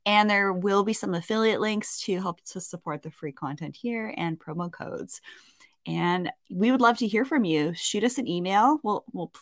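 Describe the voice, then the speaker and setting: A woman's voice: mid-range voice, normal speed, no room sound, studio quality. A woman with a Canadian accent co-hosting a podcast in a chatty, self-mocking way, full of rambling asides. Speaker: podcast co-host. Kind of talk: casual podcast chat.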